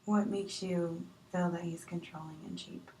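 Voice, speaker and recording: A woman plays a patient marriage counselor who speaks gently and hesitantly, filling pauses with ums. Her voice sits a little low and is picked up from a distance in an echoey room with faint noise. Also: steady tone, natural voice. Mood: calm. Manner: gentle, hesitant with many fillers. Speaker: counselor in role-play. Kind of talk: amateur improvised role-play.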